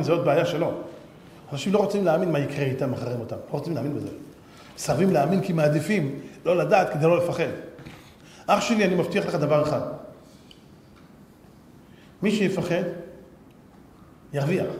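A rabbi preaching a sermon, animated and acting out the figures in his stories. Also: a little high, pauses often. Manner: animated, acts out animal voices and shouts in the story. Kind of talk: sermon with storytelling. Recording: echoey hall, faint room noise.

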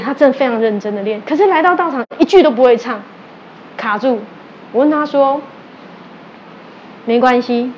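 Her voice sits high as she preaches, a religious teacher using Taiwanese Mandarin sprinkled with Hokkien. Animated storytelling, acted-out dialogue and questions for her listeners fill the sermon. The sound is muffled, with slight background noise.

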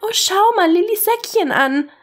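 A woman voicing a dreamy, blunt young woman with a high, airy, wandering way of talking in a storybook reading. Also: moderate pace, creaky, darkish tone, breathy edge, faint music behind.

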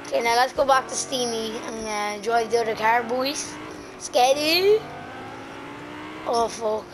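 A young woman who makes gaming videos gives casual gameplay commentary full of slang and swearing, calling her viewers "boys." She sounds exhausted and hoarse, her voice nearly gone, with fairly high pitch and a slightly slow delivery. There's noise in the background.

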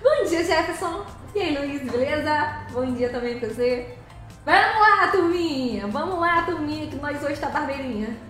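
Giggly high-voiced woman streamer, echoey. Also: lively intonation, moderate pace, fairly bright tone, soft background music. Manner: cheerful, greets viewers by name, giggly. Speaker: live streamer. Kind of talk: chatty live stream while driving a truck game.

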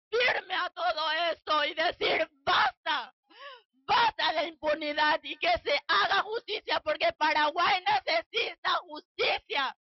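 A woman giving a slow, emphatic protest speech, shouting at times. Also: very high voice. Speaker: protest speaker. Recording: dull lo-fi from far off.

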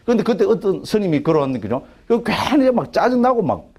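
A man's voice: sits high, big pitch swings, quick pace, darkish tone, breathy edge. A middle-aged man with a Gyeongsang Korean accent, a monk giving a chatty class lecture on a Buddhist text, constantly asking the class "right?" and restarting his sentences.

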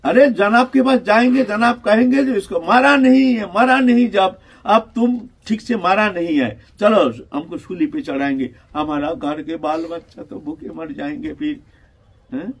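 A man acts out a band of terrified executioners pleading for their lives in a storytold sermon. The voice climbs high and loud in panic. It stays gravelly and husky throughout. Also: steady tone, unhurried, full character voice. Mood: panicked pleading. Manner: raised, pleading, agitated.

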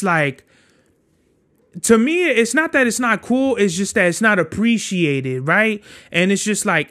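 Young male podcast host, high voice, rambling and profane, street slang. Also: a bit bright. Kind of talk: casual solo monologue.

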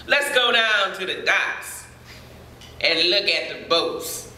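Woman playing a cocky young boy, slow drawl, low voice, sharp tone, echoey stage, distant. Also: animated, a little hiss or hum, full character voice. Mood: swaggering. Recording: roomy stage, distant from mic.

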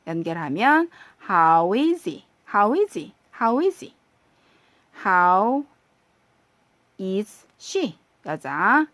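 A woman teaching a slow English lesson, patiently repeating short phrases for practice. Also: medium pitch, no room sound.

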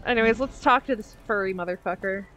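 A woman's voice: mid-range voice, fast, over music. A woman streamer from Georgia giving casual, colloquial, playfully emphatic gameplay commentary. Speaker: game streamer.

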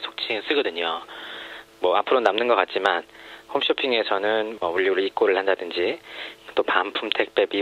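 Ein anonymer Mann, dessen Stimme elektronisch tief verfremdet ist. Er erklärt ruhig und sachlich, mit häufigem Zögern und Füllwörtern. Der Klang ist dumpf und gedämpft wie bei einer Radioübertragung. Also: male voice, highs cut off. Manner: measured, explanatory, frequent hesitations. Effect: voice disguised, pitch shifted deep. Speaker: former home shopping supplier, interviewee.

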